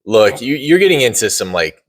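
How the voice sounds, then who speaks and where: A man's voice: mid-range voice, big pitch swings, normal speed. A man co-hosting a podcast in a casual debate chat, blunt and emphatic, swearing for emphasis. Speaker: podcast co-host.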